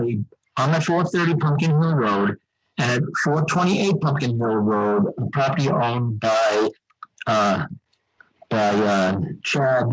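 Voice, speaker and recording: An older man giving public comment at a town meeting over a remote call, his audio muffled as if underwater, halting with many fillers. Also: medium pitch. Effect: muffled underwater-sounding audio. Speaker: resident speaking at a town meeting.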